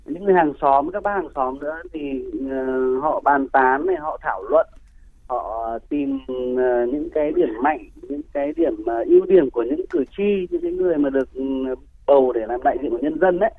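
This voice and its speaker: A man answering as a radio interview guest, hesitant and pausing between phrases, over a narrow phone-like line. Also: fairly high pitch, lively intonation. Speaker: guest music producer and songwriter.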